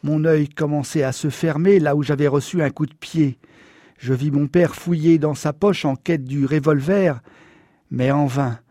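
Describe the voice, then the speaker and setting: Brief: a male audiobook narrator, somber and measured, somewhat high-pitched, dry close recording. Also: fairly even intonation, warm tone, no room sound. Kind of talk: scripted first-person narration.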